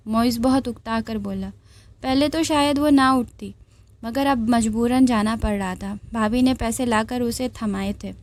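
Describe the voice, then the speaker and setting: A woman reading a romance novel aloud, narrating in a steady, even way. Her voice sits somewhat high for a woman. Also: a little slow, no echo. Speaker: novel reader.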